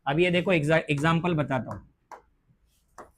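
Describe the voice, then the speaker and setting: A man teaching a chemistry class, slowing down to dictate English terms and asking questions that he answers himself. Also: a little high, slight background noise. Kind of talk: classroom lecture.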